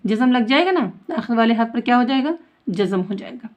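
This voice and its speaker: A woman gives a Quran recitation lesson in a high-ish, animated voice. She recites words slowly and draws them out, then turns brisk as she explains the rules and answers her own questions.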